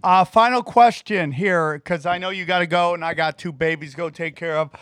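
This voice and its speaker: High-voiced man hosting casually. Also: brisk, fairly bright tone, no echo. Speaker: show host and interviewer. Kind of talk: casual interview chat.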